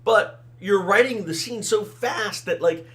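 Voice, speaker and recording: This podcast host, a middle-aged author and game designer whose first language is Tamil, talks solo and casually about writing and editing, sprinkling in fillers and "right?" often. He speaks unhurriedly in a high, fairly bright voice.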